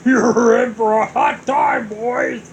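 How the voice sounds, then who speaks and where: A woman voicing a gruff, hulking male turtle king villain who bellows, brags and sneers. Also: a little high, wildly swooping pitch, slow, slight background noise, heavily acted, low-quality recording. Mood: gloating.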